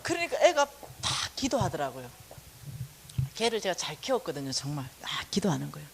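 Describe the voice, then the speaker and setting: A middle-aged woman with a Gyeongsang accent, lecturing to a congregation in a lively storytelling style, acting out the dialogue. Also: low voice, a little fast, gravelly, slight background noise. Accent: Gyeongsang Korean. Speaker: church lecturer.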